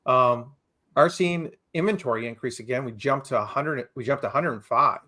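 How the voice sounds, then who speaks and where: This real estate podcast co-host speaks at a normal pace with a medium-pitched, sharp-toned voice. His casual talk is loose: he repeats words and leans heavily on "you know" while thinking aloud.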